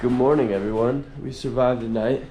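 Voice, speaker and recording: A man with a mid-pitched voice talks casually to the camera as an overnight vlogger. His delivery is informal and understated. There is faint noise and some clicking in the handheld recording. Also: steady tone, normal speed, warm tone, low-quality recording. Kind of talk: casual overnight camping vlog narration.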